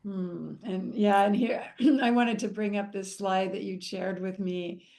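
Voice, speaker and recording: A woman's voice: mid-range voice, steady tone, unhurried, vocal fry, mellow. A woman hosting a casual interview over a video call, affirming and encouraging her guest as she asks questions. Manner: encouraging, affirming listener who laughs along. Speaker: interview host.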